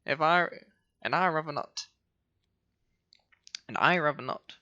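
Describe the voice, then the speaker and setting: A man voicing a smug, snobby rival police officer who taunts and sneers, pitched higher and louder than his own talk. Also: unhurried, highs cut off. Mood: sneering.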